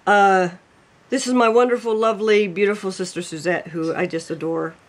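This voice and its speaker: A man hosts his own cooking show from a room at home beside a fireplace, chatting casually over a video call. He pokes fun at himself and laughs often. His voice is high, with fairly even intonation, at a normal speed.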